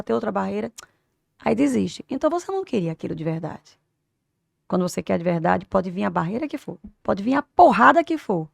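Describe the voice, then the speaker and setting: A Brazilian woman in her fifties who is both a teacher and a doctor tells an emotional personal story as an interview guest, swinging between hushed and loud. Her medium-pitched voice has vocal fry, and the recording is clean studio sound with no room sound.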